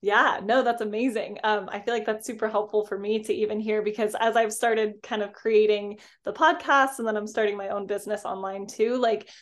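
A woman's voice: mid-range voice, fairly even intonation, brisk, hardly any pauses. A woman hosting a podcast, affirming her guest and asking casual questions. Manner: affirming, encouraging listener. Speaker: podcast host. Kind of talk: casual interview chat.

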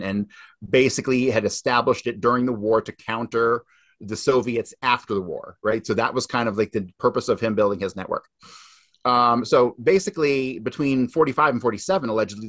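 A man's voice: lowish voice, fairly bright tone, no echo. A man talking as a podcast guest, emphatic and rambling, with frequent swearing. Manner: emphatic, swears often, fast rambling delivery. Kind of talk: casual interview talk.

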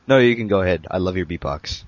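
A man hosting a casual prank video chat, talking in a deadpan, teasing way. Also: deep voice, fast talker, no room sound. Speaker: host of random video chats. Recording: dull lo-fi sound with faint noise.

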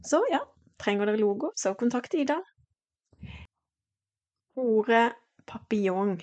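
A woman's voice: a little high, animated, darkish tone, no echo. A woman in her forties speaking a heartfelt, reflective personal podcast monologue, with hesitant fillers and restarts. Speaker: podcast host.

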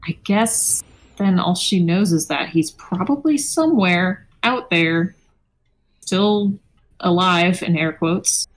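A woman's voice: lowish voice, takes it slowly. A woman playing a tabletop role-playing game, describing her character's actions in a casual, playful way. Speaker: player.

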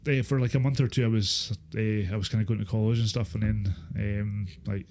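A Scottish man in his thirties recalling his life in a casual interview, speaking haltingly with repeated filler phrases. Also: fairly low pitch, steady tone, a little mellow. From Inverness, Scotland. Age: 30s. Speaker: interview guest, former supported-housing tenant. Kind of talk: casual interview, personal recollection.

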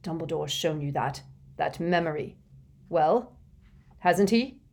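A woman voicing a jovial, portly older male potions teacher with a hearty, booming manner. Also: expressive, slow pace, darkish tone, exaggerated voice. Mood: shocked, fearful.

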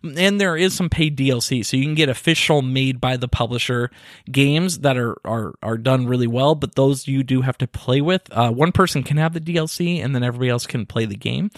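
A man's voice: medium pitch, brisk, no room sound, clean studio sound. A man co-hosting a casual podcast, chatty and playfully complaining, often laughing. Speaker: podcast co-host. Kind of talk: casual chat.

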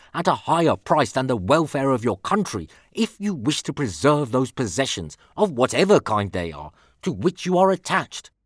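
A man's voice: mid-range voice, no room sound, studio quality. A man reading aloud as a stern Roman senator, declaiming a speech against traitors with grave, sweeping rhetorical emphasis.

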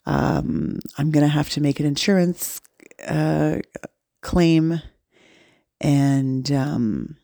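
A woman's voice: sits low, very slow, long pauses, dark tone, no echo, clean studio sound. A woman podcast host, recording a casual update on her phone, sounding dejected and rambling with many fillers.

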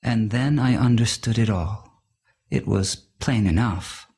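A man preaching in a solemn, measured way, recounting a vision as a sermon over music. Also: on the low side, a little mellow. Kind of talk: sermon reading of a vision story.

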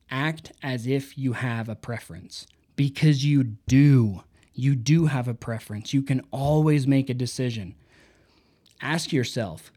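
A man's voice: mid-range voice, mellow. A man talking through a book in a casual, reflective review, reading out quotes and mixing in personal stories.

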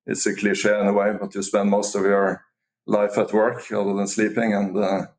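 A man from Norway, a company CEO, talking as a guest in a remote interview, measured and often restarting his sentences. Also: lowish voice, monotone, a little mellow, slight background noise. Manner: measured, with frequent restarts and fillers. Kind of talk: casual interview talk.

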